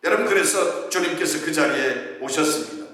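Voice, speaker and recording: A male pastor preaching a sermon in a church, addressing the congregation and building to shouts. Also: a little high, lively intonation, brisk. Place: church sanctuary. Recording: echoey hall, from far off.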